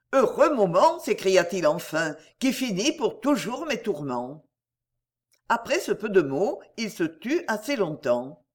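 Woman audiobook narrator of a classic novel, expressive, measured, lively pitch.

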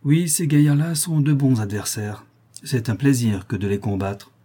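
A man's voice: medium pitch, normal speed, warm tone, husky, lightly acted. A man reading a novel aloud, voicing a confident middle-aged master detective with a lightly amused, assured manner. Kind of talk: audiobook character voice.

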